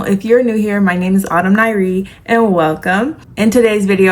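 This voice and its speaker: A woman vlogger giving a casual, chatty makeup tutorial, talking familiarly to viewers with a lisp from the retainer she is wearing. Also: medium pitch. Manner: girly, familiar asides to viewers. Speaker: beauty vlogger. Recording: clear background noise, room ambience.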